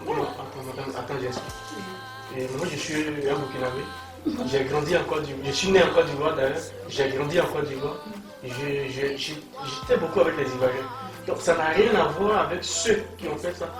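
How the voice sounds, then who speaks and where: An actor playing a gentle Burkinabé suitor who explains himself calmly. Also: male voice, on the high side, a little fast, natural voice. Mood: earnest. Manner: calm, explaining himself earnestly. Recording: roomy and distant, music behind.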